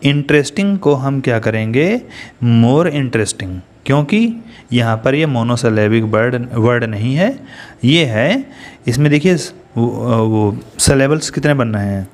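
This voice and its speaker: A man's voice: medium pitch, animated, measured pace. A man with an Indian accent teaching an English grammar lesson, explaining step by step and asking his students questions as he goes.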